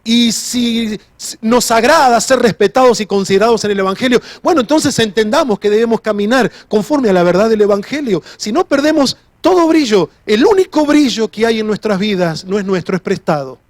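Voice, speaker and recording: A man's voice: sits high, animated, brisk, no room sound. A man preaching a sermon as pastor, earnest, restarting sentences and repeating key phrases.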